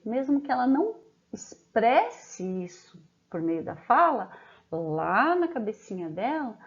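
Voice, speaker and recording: Brazilian woman, teacher trainer, slightly high voice, patient explainer, dull lo-fi audio. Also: a little mellow. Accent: Brazilian Portuguese. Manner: explanatory, frequent "né?" tag questions, slows down to dictate phrases. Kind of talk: recorded training lesson for teachers.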